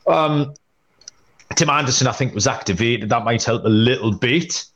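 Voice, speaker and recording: In a muffled recording, a man with a mid-pitched voice hosts a sports betting podcast. He moves briskly through pitching stats and betting lines in a laid-back way, sprinkling in "um" and "uh."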